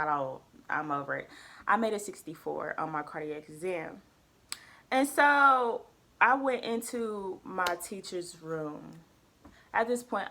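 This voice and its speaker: Young woman, casual storytelling vlogger, lively, slangy, acts out the people she quotes. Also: on the low side, gravelly, slight background noise.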